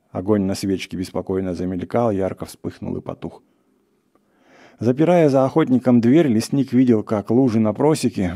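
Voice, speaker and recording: A man narrating a classic short story in a steady, measured storytelling manner. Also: fairly low pitch. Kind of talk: literary reading of a classic story.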